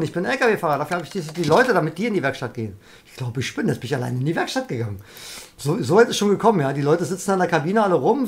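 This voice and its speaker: Chatty woman streamer teasing her chat. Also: fairly low pitch. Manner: chatty, teasing viewers, mock-indignant. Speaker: gaming streamer. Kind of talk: live game commentary reading chat.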